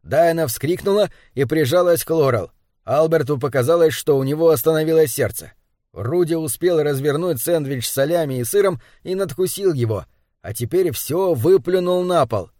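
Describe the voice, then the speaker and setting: Guy reading an audiobook, steady and even, kinda high voice, dry close mic. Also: moderate pace, no room sound. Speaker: audiobook narrator. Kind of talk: scripted narration.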